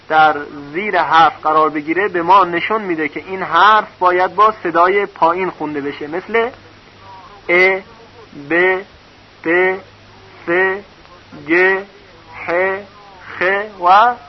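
Patient male teacher with a high voice, sounding out syllables slowly in a recorded lesson; muffled, lo-fi sound. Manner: patient, spells out syllables one by one. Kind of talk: recorded lesson on reading vowel marks. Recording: dull lo-fi recording.

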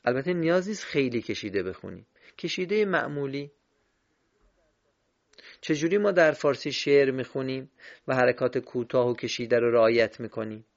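Guy teaching quran reading, slow and careful, stretches the vowels, kinda muffled recording. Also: medium pitch, animated, gravelly. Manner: slow, deliberate, drawing out vowels in examples. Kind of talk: instructional lesson.

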